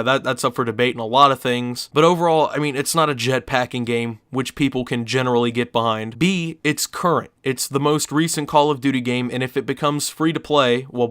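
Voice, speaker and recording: A man's voice: mid-range voice, a bit bright, smooth, no room sound, clean studio sound. A young man who is sick with the flu, rambling through casual gaming commentary and leaning on fillers. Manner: rambling, full of fillers like "you know" and "I guess". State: sick, stuffy voice. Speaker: gaming YouTuber. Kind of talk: casual commentary over gameplay.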